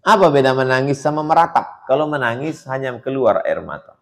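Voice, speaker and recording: A man's voice: medium pitch, big pitch swings, brisk. A man preaching a sermon in a humorous way, acting out voices as he goes.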